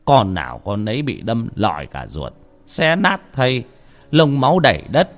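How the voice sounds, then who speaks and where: A man reading a horror story aloud, with dramatic shifts of pitch for tension. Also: sing-song, moderate pace, soft background music. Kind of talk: scripted horror story narration.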